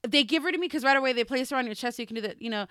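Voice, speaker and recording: A woman's voice: sits high, very fast, clear, resonant tone, no room sound, clean studio sound. A woman in her thirties co-hosting a podcast, telling stories animatedly and acting out what people said. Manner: animated storytelling, acts out quotes. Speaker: podcast co-host. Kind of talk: casual chat.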